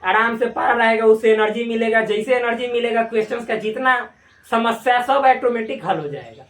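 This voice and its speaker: A man's voice: very high voice, a bit bright, recorded from a distance. A male maths teacher gives a casual, joking lesson, stretching and repeating his words. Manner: joking, colloquial, drawn-out repetitions. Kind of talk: casual classroom lecture. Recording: echoey room, voice from afar.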